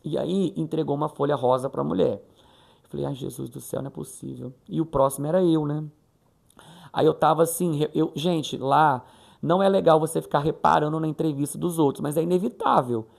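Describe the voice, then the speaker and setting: A man's voice: fairly high pitch, a little fast, gravelly, a little mellow. A man from Brazil chatting casually in a vlog, retelling a conversation and acting out the quoted voices. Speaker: vlogger.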